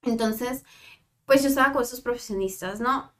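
A woman's voice: on the high side, moderate pace, a bit bright. A young Mexican woman, a psychologist, telling a personal story in a casual interview and acting out remembered dialogue with animation. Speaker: psychologist guest.

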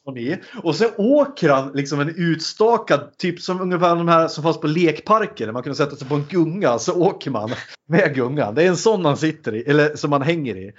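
A man's voice: fairly high pitch, animated, few pauses, slightly rough, dull audio. A man in a casual chat, animatedly retelling a film with many fillers.

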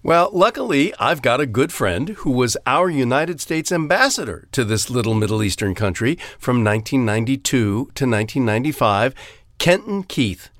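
A man co-hosts a scripted radio feature, upbeat and storytelling. His pitch rises and falls a lot, and his voice sounds dry and close to the mic. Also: expressive, moderate pace, a bit bright, no room sound. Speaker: co-host.

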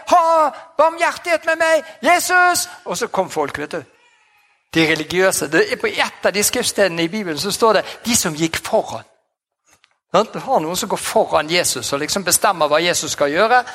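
A man preaching a sermon in a lively, exclamatory way, chuckling often and dropping in amens and hallelujahs. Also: a little high.

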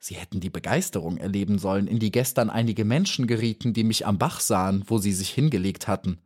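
A man's voice: fairly low pitch, fast, darkish tone, breathy edge. A man voicing a large female dragonfly in a storybook, haughty, condescending and predatory. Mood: vain.

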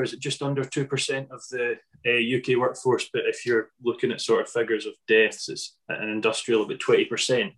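A man with an average-pitched voice hosts a casual podcast. He rambles a little, feeling his way through sentences in a self-deprecating manner. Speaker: podcast host.

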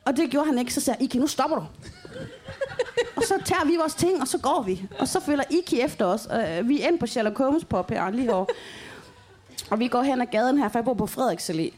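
A woman's voice: on the high side, animated, darkish tone. A woman hosting a podcast, telling a funny story casually, laughing often and swearing. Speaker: podcast host. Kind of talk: comic storytelling.

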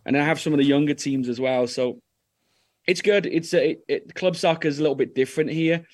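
A man's voice: a little high, brisk, a little mellow. A man with a Birmingham accent chatting casually as a guest, rambling a little and repeating words as he goes. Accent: Birmingham (Brummie). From Birmingham, England. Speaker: guest, youth football coach. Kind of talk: casual chat.

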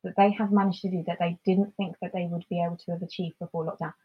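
A woman co-hosting a podcast in casual chat, talking in an animated way and acting out quotes in mock voices. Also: on the low side, fast, breathy edge, dull audio. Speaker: podcast co-host.

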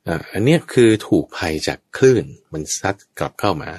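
A man's voice: low-pitched, big pitch swings, fairly quick, darkish tone, slightly rough, dry recording. A man teaching Buddhist Dharma in a conversational way, explaining patiently and checking that his listener understands.

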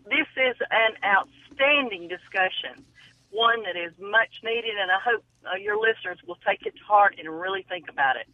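Woman caller on the phone, tinny narrow line, gravelly edge, dry, earnest and rambling. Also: fairly high pitch, no echo. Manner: earnest, emphatic, rambling opinion. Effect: heard over the phone. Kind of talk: call-in radio comment.

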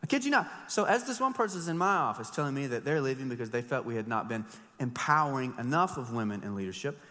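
A man in his thirties, a pastor preaching an animated, joking sermon with emphatic storytelling. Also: mid-range voice, fast, big-room sound. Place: church sanctuary.

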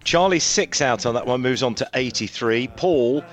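A man's voice: mid-range voice, animated, normal speed, soft background music. A man acting as scorekeeper on a radio show, announcing scores plainly. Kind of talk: reading out quiz scores.

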